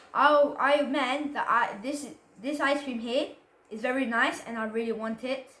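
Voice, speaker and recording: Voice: medium pitch, fairly bright tone. A child presenter talks informally to young viewers and reads a story, in a playful, chatty way. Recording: echoey room.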